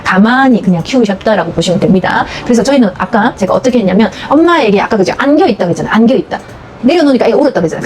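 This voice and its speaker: Woman parenting counselor, quick and lively, higher voice, acts out kids' cries, faint hum behind. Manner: animated, acts out babies and mothers with sudden high cries; asks listeners for agreement with short tags. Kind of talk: live parenting advice talk.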